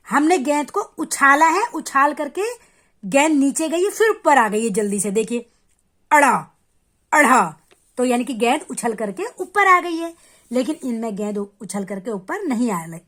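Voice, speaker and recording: A woman teaching a grammar lesson to children, patient and step by step, addressing them directly and sounding out letters slowly to show how they are said. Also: high-pitched, lively intonation, fairly bright tone. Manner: repeats sounds slowly and clearly to demonstrate.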